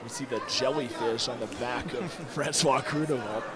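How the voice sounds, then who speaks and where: A man's voice: medium pitch, normal speed, a loud crowd. A man giving live fight commentary as a commentator, with an emphatic delivery.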